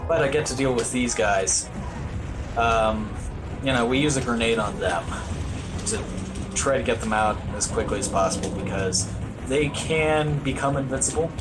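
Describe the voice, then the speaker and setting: Over music, a speedrunner offers casual, wry, self-deprecating live commentary as he plays through a video game. His voice is medium-pitched and his speed normal.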